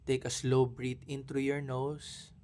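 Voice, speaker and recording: A man guiding a calm breathing meditation in a soft, soothing voice. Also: mid-range voice, measured pace, a little hiss or hum. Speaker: meditation guide.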